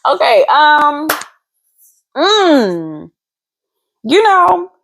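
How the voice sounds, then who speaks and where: A woman co-hosting a podcast, chatting casually in a playful, animated way and stretching words out for effect. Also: sits high, very slow, a little hiss or hum. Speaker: podcast co-host. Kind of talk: casual chat.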